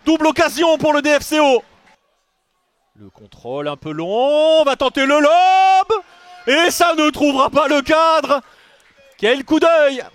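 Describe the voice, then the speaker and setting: A man delivers excited sports commentary on a football match. His voice sits extremely high for a male speaker, and he shouts on chances and stretches key words for emphasis. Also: measured pace, dry recording, faint music behind.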